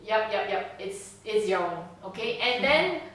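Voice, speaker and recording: A woman's voice: mid-range voice, expressive, a little slow, fairly bright tone, a little hiss or hum. A woman narrating a tabletop game as game master, chatty and casual, often checking in with her players. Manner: casual, chatty, frequent laughs and "okay?" checks. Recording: roomy echo, distant mic.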